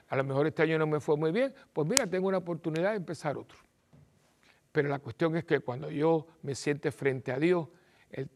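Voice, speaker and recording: Gravelly priest. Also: male voice, a little high. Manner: animated, acts out little dialogues and repeats phrases for emphasis. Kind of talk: televised sermon talk.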